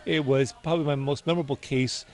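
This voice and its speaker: A middle-aged man with a slightly high voice speaks as a doctor being interviewed. He is earnest and feels his way through answers, restarting and correcting himself. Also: fairly even intonation, quick pace, a little mellow.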